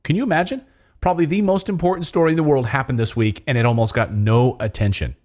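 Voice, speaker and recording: A man's voice: mid-range voice, quick pace, darkish tone. A man hosting opinionated political commentary, speaking in a conspiratorial, distrustful way with sarcastic, mocking asides. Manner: conspiratorial, alarmed distrust of officials and media. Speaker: host of a political commentary show. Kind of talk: opinionated news commentary to camera.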